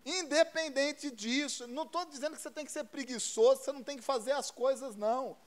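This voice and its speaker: A Brazilian pastor with a notably high voice preaches a sermon to his church. He speaks conversationally and repeats phrases for emphasis. His folksy asides keep the sermon informal. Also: fairly quick. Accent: Brazilian Portuguese. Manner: conversational, repetitive, folksy storytelling. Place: church service.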